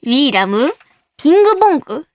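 A young woman hosting a casual radio show, giggly and excitable as she reads listener emails. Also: high-pitched, fast talker, very noisy. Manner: giggly, excitable, playful self-mockery. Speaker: radio host.

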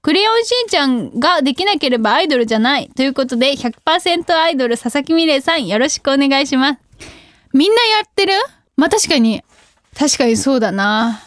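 A woman's voice: sits high, expressive, fast, no echo, clean studio sound. A young woman hosting a radio show, reading listener mail in a giggly, self-deprecating way. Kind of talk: casual radio chat. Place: radio studio.

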